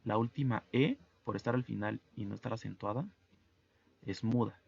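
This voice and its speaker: A man teaching French to Spanish speakers, explaining pronunciation slowly and methodically, letter by letter. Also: lowish voice, vocal fry, husky, dull audio. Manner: slow, methodical, spells out sounds letter by letter. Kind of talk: online language lesson.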